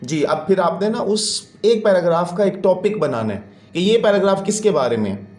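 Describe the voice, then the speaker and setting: Male teacher, patient step-by-step explaining, slightly high voice, echoey room. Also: lively intonation, normal speed, darkish tone. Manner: patient, explains step by step, counts syllables aloud. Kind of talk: classroom lesson explanation.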